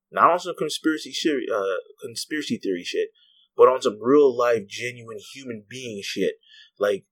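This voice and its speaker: A man's voice: mid-range voice, husky, rough recording. A man hosting a podcast, delivering a heated, blunt political rant full of swearing and speaking straight to his listeners. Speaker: podcast host. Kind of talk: ranting political commentary.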